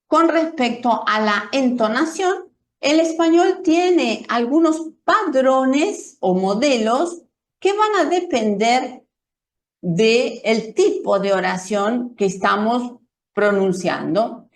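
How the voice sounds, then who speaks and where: Slow, careful woman teaching a language. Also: fairly high pitch, expressive, roomy sound. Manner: slow, careful explanation with spoken demonstrations. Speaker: Spanish teacher. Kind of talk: explanatory language lesson.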